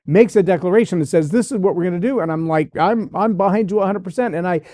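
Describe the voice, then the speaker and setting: This leadership podcast host speaks fast in a high, warm voice, stacking up repeated phrases into emphatic lists. The sound is clean studio audio with no room sound at all.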